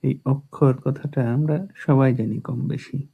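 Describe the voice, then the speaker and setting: Male teacher, gravelly, poses and answers his own questions, thin lo-fi recording. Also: medium pitch, fairly even intonation, unhurried. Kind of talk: explaining Bengali prosody at a board. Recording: tinny phone-like recording.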